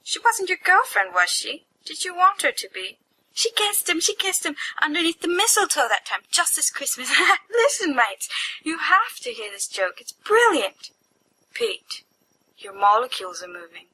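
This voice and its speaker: With a very high, bright, forceful voice and a sing-song lilt at a moderate pace, an amateur podfic reader brings a story to life. She playfully acts out giddy young men's dialogue in character voices, in a low-quality home recording with faint background noise.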